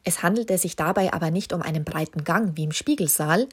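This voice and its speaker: A woman narrating a children's story, calm and expressive in her reading. Her voice is low for a woman, with a husky, breathy edge. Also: brisk.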